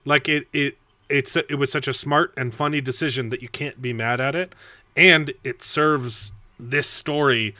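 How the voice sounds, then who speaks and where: A man chatting casually on a book discussion livestream, laughing often and stumbling over words when excited. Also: medium pitch, unhurried, no room sound.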